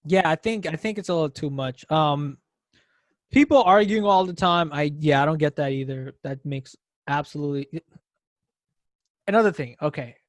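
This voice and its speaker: High-voiced animated man in casual chat. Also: normal speed, dry recording, studio quality. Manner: animated, swings to loud mock crying when quoting. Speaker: podcast co-host.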